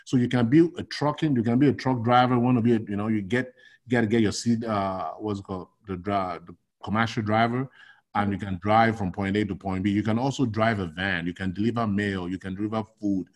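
This casual interview features a middle-aged logistics consultant from Nigeria whose voice runs on the low side. He talks fairly quickly, animated and full of false starts and "you know."

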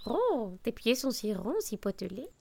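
A woman voicing a greedy, flattering owl in a storybook reading, sweet and coaxing. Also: on the high side, a little slow, slight background noise, pitched above the performer's own voice.

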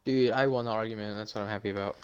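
A man's voice: on the low side, steady tone, very fast, a little mellow, smooth, dull audio. A man co-hosting a casual podcast, teasing and stubborn, gloating that he won an argument. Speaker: podcast co-host.

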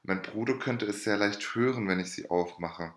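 A man's voice: on the low side, normal speed, echoey room, natural voice. A man playing a sly mocking noblewoman. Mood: mock concern. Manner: sweetly feigned sympathy.

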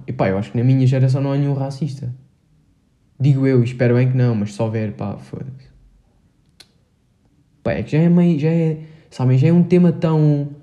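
In a warm, mid-range voice, a teenage boy from Portugal hosts a solo podcast monologue, his Portuguese accent evident. The talk is casual and meandering, hesitant, and full of slang and fillers.

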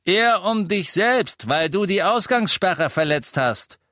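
A man voicing a blunt, menacing dark wizard henchman. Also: fairly high pitch, expressive, measured pace, no room sound, clean studio sound, voice pushed up. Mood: threatening. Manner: blunt, threatening.

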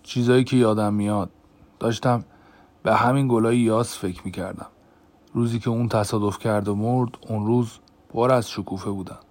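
A man voicing a brooding adult man who bluntly reveals a dark family secret, in a tense, raised voice, in an audiobook. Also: on the low side, fairly even intonation, lightly acted.

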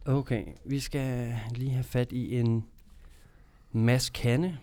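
A man hosting a loose radio show, with a playful, joking way of talking. His voice sits at an ordinary pitch for a man, and he laughs easily while he chats. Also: steady tone, dark tone. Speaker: radio host. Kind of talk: casual radio chat with prank calls.

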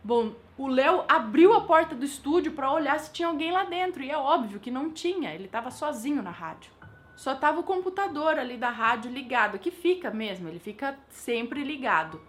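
A woman's voice: high-pitched, animated, a little fast. A woman with a Brazilian Portuguese accent, hosting a channel and telling a viewer's paranormal story in a chatty, casual way, musing aloud with rhetorical questions.

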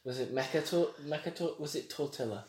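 A man's voice: on the high side, fairly quick, darkish tone. Teasing man with a roomy echo. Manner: teasing, jokey. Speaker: podcast co-host. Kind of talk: casual chat.

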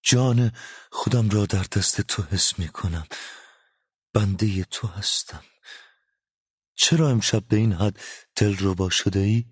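A man's voice: medium pitch, animated, husky, no echo, clean studio sound, pitched above the performer's own voice. A man voicing a passionate, lovesick male painter who pleads fervently in an audiobook reading. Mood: pleading. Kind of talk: audiobook character voice.

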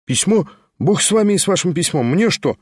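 A man's voice: on the high side, no echo, clean studio sound, pitched above the performer's own voice. A man putting on a jittery chattering schemer. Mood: eager, chattering. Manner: hurried, chattering, excitable. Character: eager fast-talking scheming young man.

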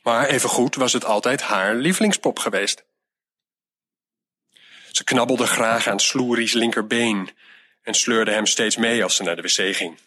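A man reads a storybook aloud in a calm, even way. His voice is bright and forceful and sits at an ordinary pitch. The delivery is steady throughout. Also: a little slow, pauses often. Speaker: narrator. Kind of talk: storybook reading.

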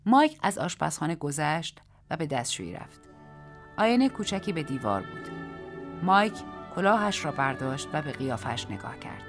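A woman's voice: sits low, big pitch swings, over music. A woman hosting a radio program and reading a story aloud, shifting her tone for each character in the dialogue.

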